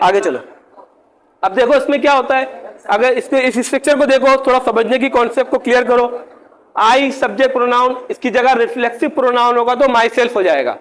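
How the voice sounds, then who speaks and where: Very high-voiced man teaching a grammar class. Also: poor audio. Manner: keeps checking if the class follows; slows down to spell out example words. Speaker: English teacher.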